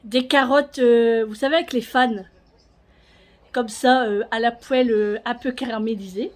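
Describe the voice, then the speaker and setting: A fairly high-pitched woman talks to her viewers in a loose, rambling vlog style, full of fillers and little restarts. She sounds like she is chatting while doing chores around her kitchen at home. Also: fairly even intonation, unhurried. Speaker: vlogger. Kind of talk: casual home vlog chat.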